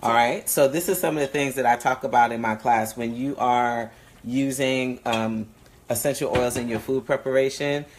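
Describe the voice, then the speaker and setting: A woman with a strikingly deep voice hosts a live cooking stream from a home kitchen. She speaks into a phone held at arm's length and keeps up a stream of encouraging affirmations. Faint clatter of dishes sits behind her. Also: normal speed, slight background noise. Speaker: cooking show host.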